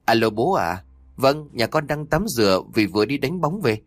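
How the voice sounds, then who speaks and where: A man voicing an apologetic middle-aged daughter-in-law speaking softly in a spoken horror story. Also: mid-range voice, very animated, normal speed, no room sound, pitched above the performer's own voice. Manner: apologetic, soft.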